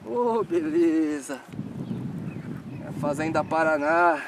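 A fairly high-pitched man in his thirties speaks slowly, hosting a fishing show from a rural pond bank and giving live commentary as he fights a fish, now and then coaxing it. Background noise and outdoor country ambience fill the recording.

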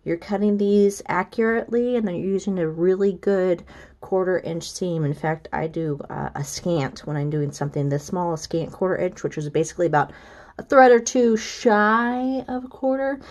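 With a lowish, darkish voice at a moderate pace, a friendly woman from the United States guides viewers through a quilting block one step at a time. She's chatty and enthusiastic, teaching casually and pointing things out along the way.

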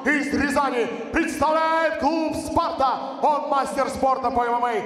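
A man giving a booming stage introduction as ring announcer, loud and projected, drawing out names. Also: steady tone, a little slow, distant mic. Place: large indoor arena, in the cage. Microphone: handheld microphone through PA. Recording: echoey arena PA heard from afar.

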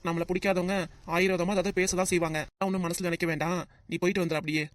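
A woman's voice: fairly low pitch, dry recording, clean studio sound, lightly acted. A woman voicing a patient middle-aged shopkeeper husband and father in a cartoon family comedy. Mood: reassuring. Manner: calm, reassuring, hurried.

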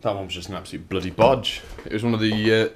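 Speaking at a quick pace in a lowish voice, a male electrician explains his work as he rewires a house, chatty and dry in the style of a casual work vlog. He gets short of breath at times, and there's slight background noise indoors.

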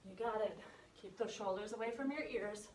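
A woman's voice: mid-range voice, moderate pace, a little hiss or hum. A woman in her thirties coaching a workout as an aerobics instructor, giving encouraging counts and short form cues while exercising. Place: carpeted room at home. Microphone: distant camera microphone across the room. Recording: roomy echo, far from phone camera.

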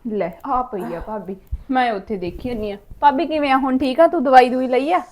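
A woman's voice: high-pitched, moderate pace, darkish tone, natural voice. An actress with a Punjabi accent playing a trusting young village woman who talks in an earnest, coaxing way.

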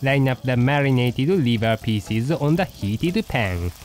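A man voicing a poodle dog who hosts a cooking show, narrating a recipe in slow, deliberate steps. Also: mid-range voice, a little mellow, faint music behind, natural voice, rough recording. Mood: patient. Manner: slow, deliberate step-by-step instructions.

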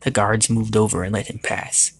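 A man reading a story aloud as its narrator in a steady, even way, with a gravelly voice. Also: fairly low pitch, normal speed, a little hiss or hum. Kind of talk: scripted narration.

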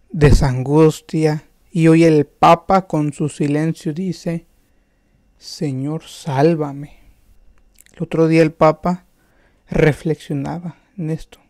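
A man preaching a sermon, slow and emphatic, with rhetorical questions and frequent restarts. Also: a little high, dark tone, no echo, clean studio sound.

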